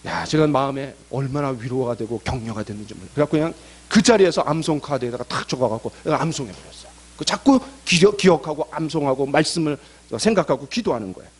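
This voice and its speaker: A male pastor preaching a sermon, telling the story with lively quoted voices. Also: mid-range voice, fast talker, breathy edge.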